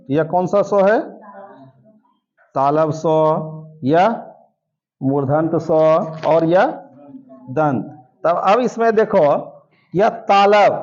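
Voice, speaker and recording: Slow, high-voiced teacher. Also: male voice, muffled recording. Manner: drills sounds aloud, quizzes students. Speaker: coaching teacher. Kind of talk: classroom lecture. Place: classroom.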